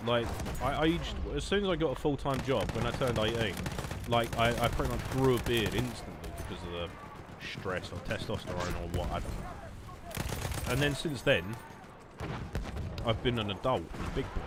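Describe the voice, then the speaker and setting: On a very noisy recording, a southern English man in his late twenties chats at normal speed in a mid-range voice while livestreaming a game. His casual, rambling talk is sarcastic and full of swearing.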